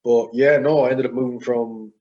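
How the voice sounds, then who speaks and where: An Irish man in his twenties, appearing as a podcast guest, rambles through a casual interview chat, heavy with fillers and hedges. His warm voice is medium-pitched with fairly even intonation and a normal pace, and the sound quality is lo-fi.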